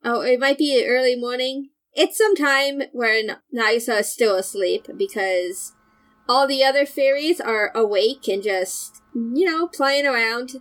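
A woman's voice: on the high side, measured pace, fairly bright tone, rough recording. A woman hosting a podcast in casual chat, recapping in a rambling way that drifts into tangents. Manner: rambling, digressive. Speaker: podcast host.

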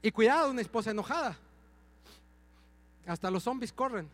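A middle-aged man preaching a sermon, telling comic stories with sudden shouts. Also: sits high, expressive, fairly quick, big-room sound. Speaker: pastor.

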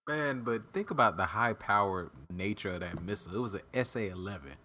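A man's voice: fairly low pitch, expressive, fairly quick, sharp tone, slight background noise. A man hosting a podcast in casual chat, steering topics and explaining eagerly. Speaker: podcast host.

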